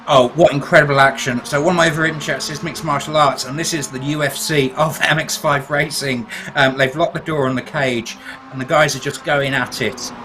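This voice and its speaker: A man giving relaxed colour commentary, his voice sitting a little high and turning eager when the racing tightens. He chuckles through his remarks, and steady background noise runs under the whole commentary. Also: fairly quick. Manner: chatty, chuckling, rising in pitch at close moments. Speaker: race co-commentator. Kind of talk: live motorsport colour commentary.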